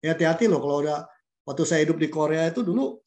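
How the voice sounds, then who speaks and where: Older indonesian pastor guy, preaching and praying, chatty, kinda high voice. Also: racing. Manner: warm conversational preaching with asides. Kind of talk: sermon and prayer.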